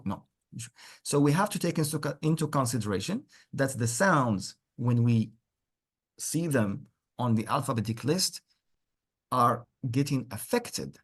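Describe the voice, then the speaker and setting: A man teaching English pronunciation in an interactive lesson, speaking deliberately, repeating words for learners and encouraging them. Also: medium pitch, slightly rough.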